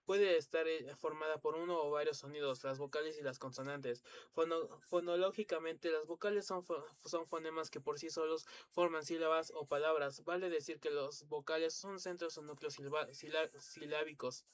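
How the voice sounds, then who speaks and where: A man with a fairly high, steady voice reads an encyclopedia lesson aloud in a halting way, stumbling over and restarting words. He spells out letters and drops in dry asides along the way.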